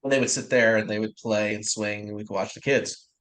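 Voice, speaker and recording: A man's voice: lowish voice, a little fast, poor audio. A man from the New York area, a podcast co-host, telling a funny story in casual chat. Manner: laughing, energetic storyteller.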